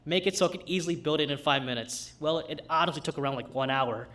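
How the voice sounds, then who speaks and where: A man's voice: on the high side, quick pace, a bit bright. A man from New York City with a Brooklyn accent, presenting a demo in a casual, conversational way. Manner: informal, conversational. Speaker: hack night demo presenter, non-developer. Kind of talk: casual live demo talk.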